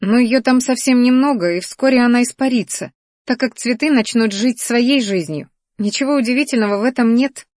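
A woman's voice: fairly high pitch, animated, normal speed, few pauses, a little mellow, no room sound, clean studio sound, voice pushed up. A woman voicing a fiery young girl mage. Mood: indignant. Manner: indignant, snappish outbursts. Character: young female mage, flustered and hot-tempered.

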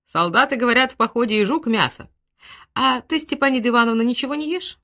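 Вспыльчивый пожилой генерал, которого изображает женщина-чтица, громко и раздражённо возмущается и пыхтит. Голос поднимается высоко, срывается на крик. Звучит как персонаж аудиокниги. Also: female voice, a little high, fast talker, a bit bright, voice pushed up. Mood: puzzled. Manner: exasperated, huffing outbursts. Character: fussy old general, blustering, quick-tempered.

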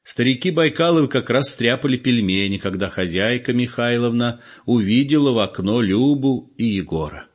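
A man narrating a literary story in an expressive storytelling manner. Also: medium pitch, moderate pace, few pauses. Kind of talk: literary audiobook reading. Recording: dull lo-fi recording.

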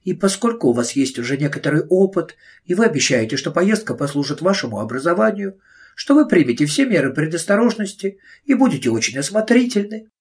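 A man performing a fretful, prim middle-aged witch speaks in a raised, slightly husky voice. Her tone is primly insistent and anxious, as in a storybook read aloud. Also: on the high side, sing-song, fairly quick, a little mellow, pitched above the performer's own voice. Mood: composed.

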